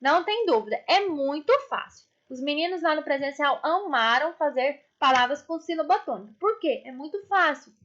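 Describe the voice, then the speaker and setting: Brazilian woman, primary teacher, high and unhurried, affectionate with kids, muffled home recording. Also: lively intonation, fairly bright tone. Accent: Brazilian Portuguese. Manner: affectionate, drawn-out explanations for children. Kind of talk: online class lesson. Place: indoors, construction noise nearby.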